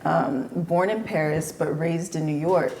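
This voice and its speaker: A woman's voice: deep voice, steady tone, a little slow, darkish tone, low-quality recording. A woman hosting a casual interview, upbeat and affirming as she asks her guest questions.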